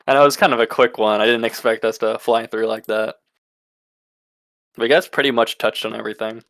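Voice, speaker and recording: Relaxed swearing game master, a man. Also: fairly low pitch, fairly quick, vocal fry, no echo. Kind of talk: casual out-of-character chat.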